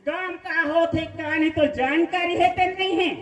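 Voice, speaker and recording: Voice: very high-pitched, steady tone, moderate pace. An actor playing a firm, civic-minded village headwoman with a Chhattisgarhi accent, giving authoritative instructions in a rural comedy skit. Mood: firm, instructing. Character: bossy village council head woman, firm, civic-minded. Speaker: village head giving orders. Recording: echoey, distant mic, music behind.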